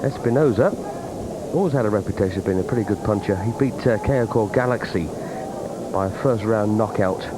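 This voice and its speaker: A man's voice: on the low side, fairly quick. A man giving conversational boxing commentary. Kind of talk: conversational television fight commentary. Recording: clear background arena noise.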